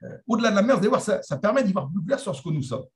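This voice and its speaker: A middle-aged man from France giving a lively, conversational lecture to historians, with humorous asides. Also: high-pitched, very fast. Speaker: guest speaker.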